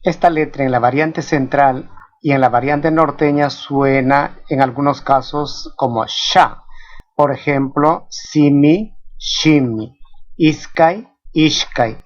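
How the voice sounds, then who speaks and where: A teacher reads a scripted pronunciation lesson at a very slow, deliberate pace, saying each sound and repeating every example word. The voice is dry and close, with no room around it. The recording is dull and lo-fi. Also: mid-range voice, fairly even intonation, dry recording. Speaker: language teacher.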